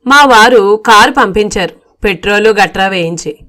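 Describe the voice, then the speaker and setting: A woman reading a humorous story aloud with lively, wry narration. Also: mid-range voice, moderate pace.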